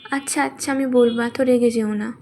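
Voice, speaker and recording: A woman's voice: fairly high pitch, steady tone, a little fast, darkish tone, slight background noise, close to an everyday voice. A woman voicing a mild husband who works in an office and soothes his wife in a cartoon story. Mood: placating. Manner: soothing, placating.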